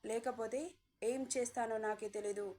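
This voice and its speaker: This is a storybook reading with a scheming male kidnapper who coaxes and threatens his young captive, as a woman narrator puts him on. His voice stays fairly high, the way it sounds when a woman reads for him. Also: fairly even intonation, moderate pace, warm tone, natural voice. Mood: menacing. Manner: coaxing, then threatening. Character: scheming male kidnapper uncle, menacing and fake-kind.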